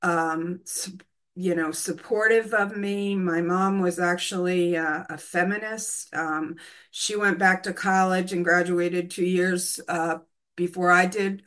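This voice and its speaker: A woman in her sixties from the United States tells her own recovery story in a candid, hesitant way, often pausing with "um". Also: lowish voice, steady tone, a bit bright. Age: 60s. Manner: hesitant, many ums, candid. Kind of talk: personal testimony.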